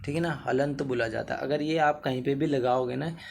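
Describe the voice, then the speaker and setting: Steady and somewhat dark in tone, a medium-pitched man with vocal fry teaches Hindi grammar for exams at normal speed, accompanied by a slight hiss or hum. His habits: calling students bhaiya, repeating "theek hai na," and drawling vowels to show their length.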